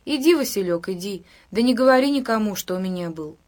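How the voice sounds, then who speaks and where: A lonely young village woman speaks in a hushed, coaxing voice, caring and a little rueful. A woman reads her lines with a mid-pitched voice. Her tone rises brightly when she urges and fusses. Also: expressive, fairly quick, close to an everyday voice.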